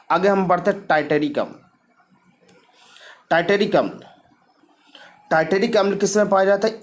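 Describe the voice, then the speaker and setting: A man teaching a lesson, explaining memory tricks and asking and answering his own questions. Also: a little high.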